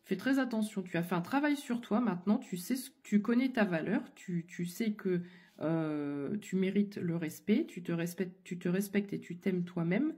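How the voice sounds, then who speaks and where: Woman, tarot reader, husky voice still recovering from illness, mellow dark tone, hesitant chatty delivery. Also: mid-range voice, animated, normal speed. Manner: hesitant, many fillers and restarts, addresses listener directly. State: voice not fully recovered from illness. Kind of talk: casual spoken tarot reading.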